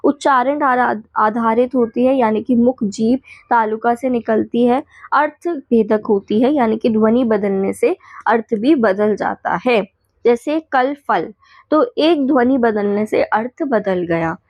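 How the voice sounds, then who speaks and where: A woman teacher going quickly through exam revision points, listing definitions and checking in with the class as she goes. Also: on the high side, dry recording, lo-fi sound.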